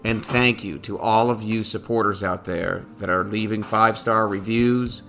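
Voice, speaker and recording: An American man reads a scripted podcast announcement. His voice is bright and forceful, slightly low in pitch, with faint music underneath. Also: fairly even intonation, moderate pace. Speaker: podcast producer and co-host.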